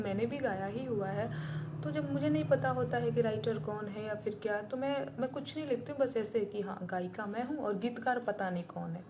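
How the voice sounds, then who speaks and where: A woman who is a singer and songwriter talks casually to her audience and answers their comments. Her voice sits at an ordinary middle pitch, and she is emphatic and indignant. She keeps circling back to the same points to drive them home. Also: noisy background. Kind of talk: casual live chat with viewers, answering comments.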